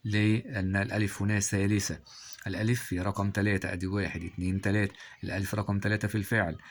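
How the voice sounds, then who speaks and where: Deep-voiced Egyptian man teaching grammar. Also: level tone, fast. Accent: Egyptian Arabic. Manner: quizzing listeners with rhetorical questions. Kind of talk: exam review lesson.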